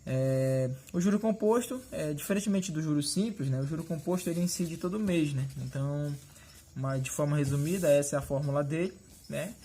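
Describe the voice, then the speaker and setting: A male math teacher explains each step of a lesson, pointing at the board and asking quick check-in questions. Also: fairly high pitch, dark tone.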